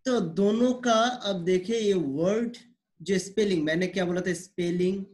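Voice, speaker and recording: A man teaching English pronunciation, explaining slowly and repeating words, mixing with English phrases. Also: high-pitched, a little mellow. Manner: slow, repetitive explaining, mixing Hindi and English.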